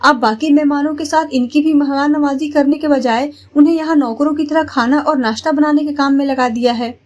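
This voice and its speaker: A woman narrating a first-person family story in a steady, plain storytelling manner. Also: high voice, brisk.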